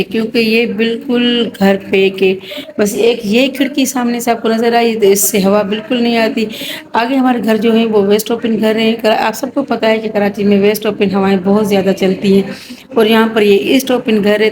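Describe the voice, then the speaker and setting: A woman's voice: on the high side, noisy background. A woman vlogger from Pakistan, narrating a casual home vlog while tired with a headache. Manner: chatty, narrating what family members are doing. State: headache, low energy.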